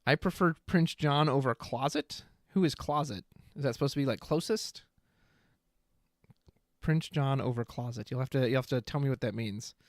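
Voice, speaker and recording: A man's voice: medium pitch, normal speed, no echo, studio quality. A man streaming live, casually thinking aloud as he reads card text and chat comments. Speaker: streamer reviewing trading card spoilers.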